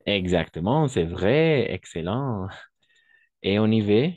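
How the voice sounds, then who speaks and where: Slow, patient male French teacher. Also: lowish voice, sing-song, darkish tone, dry recording, lo-fi sound. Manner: patient, repeats and checks understanding often. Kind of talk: online French lesson for Spanish speakers.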